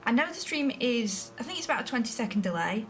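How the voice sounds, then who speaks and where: A woman from England talks through a flight simulator stream in a loose, chatty way, musing aloud and questioning her own choices. Her voice sits slightly high and a touch distant from the microphone. Soft background music plays quietly under her. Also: sing-song, fast talker. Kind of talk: casual live-stream commentary while playing a flight simulator. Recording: voice a bit distant from the mic, faint music behind.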